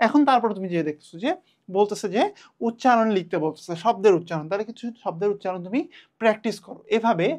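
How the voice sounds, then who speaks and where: Fast-talking young male tutor. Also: sits high. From Bangladesh. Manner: chatty, addresses students directly, repeats points. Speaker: exam tutor. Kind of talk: online revision lesson.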